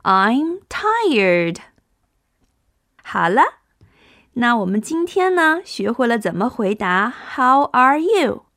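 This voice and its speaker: A woman's voice: a little high, very animated, a bit bright, dry recording, studio quality. A young woman teaching English to small children, coaxing them along and stretching out each sound to demonstrate it. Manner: coaxing, drawn-out demonstrative phonics. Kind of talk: children's language lesson.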